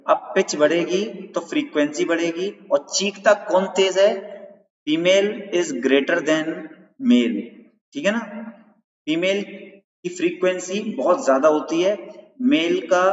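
A male teacher giving an exam-prep lecture in Hindi mixed with English terms, who keeps asking questions back and repeating the key points. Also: fairly high pitch. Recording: roomy, distant, dull sound.

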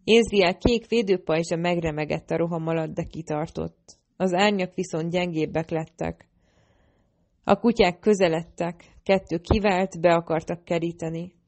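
Audiobook narrator, woman, slightly low voice, steady first-person fantasy reading.

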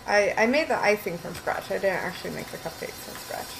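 A woman's voice: mid-range voice, expressive, a little fast, vocal fry, slight background noise, low-quality recording. A woman co-hosting a casual let's play, cracking dry jokes and asking playful questions about the game. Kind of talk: casual gameplay chat.

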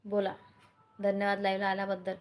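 A woman's voice: mid-range voice, monotone, fast talker. A middle-aged woman from Maharashtra, chatting casually on a live stream and repeatedly urging viewers to join and comment. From Maharashtra, India.

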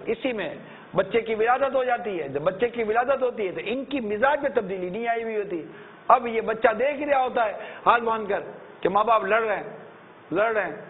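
A man preaches with a high, lively voice, breaking into acted-out scolding and earnest appeals. The recording is thin and tinny, like a phone line. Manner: animated, acts out shouting parents, earnest pleading. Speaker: religious preacher. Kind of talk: sermon. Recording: tinny narrow-band lecture recording.

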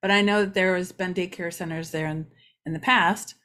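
A woman's voice: on the low side, fairly even intonation, a little fast, a bit bright. A middle-aged woman, chatting through a casual local news vlog with joking asides. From Ohio, USA.

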